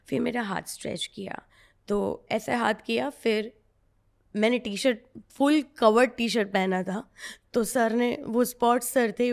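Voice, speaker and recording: A woman's voice: mid-range voice, gravelly. A woman from Gujarat, a web series actress, earnestly telling a personal story in a podcast interview and mixing in English phrases.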